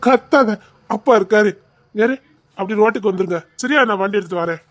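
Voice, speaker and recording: A man's voice: high-pitched, moderate pace, no room sound, shouting, clean studio sound, natural voice. Man playing a teasing, caring village guy. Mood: coaxing. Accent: Tirunelveli Tamil. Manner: affectionate, teasing, easygoing. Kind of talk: web series drama acting.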